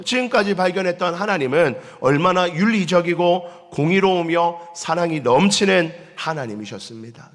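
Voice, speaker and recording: A man preaching a Sunday morning sermon as pastor, lively, acting out the voices he quotes and asking the congregation questions. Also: fairly high pitch. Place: church sanctuary. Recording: long church reverb.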